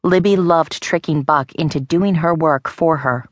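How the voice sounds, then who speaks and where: Woman reading a kids storybook, low voice, lively and expressive, dry close mic. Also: measured pace, no room sound. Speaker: audiobook narrator. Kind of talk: children's audiobook narration. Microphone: close studio mic.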